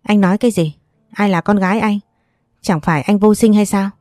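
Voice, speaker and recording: A woman's voice: fairly low pitch, a little fast, mellow, dry recording, studio quality, natural voice. A woman voicing a suspicious, middle-aged younger brother who talks bluntly and accusingly. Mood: indignant.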